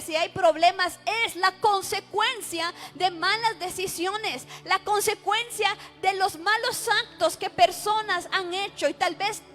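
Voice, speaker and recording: A woman's voice: very high voice, a bit bright. A woman preaching a sermon with passion, acting out pleading prayers as she speaks. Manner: impassioned, quotes prayers in a pleading voice.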